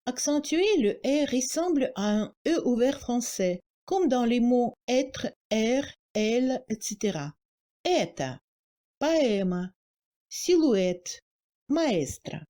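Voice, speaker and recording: Slow, careful Russian-accented woman teaching. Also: a little high, mellow. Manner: slow, careful, articulating example words one by one. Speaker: language teacher. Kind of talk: scripted pronunciation lesson.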